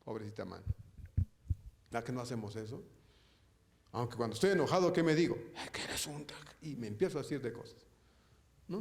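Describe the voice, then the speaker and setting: Preaching in church, a man with a fairly high, slightly mellow voice poses rhetorical questions to his congregation. He often tacks on tag questions and addresses people directly as brother.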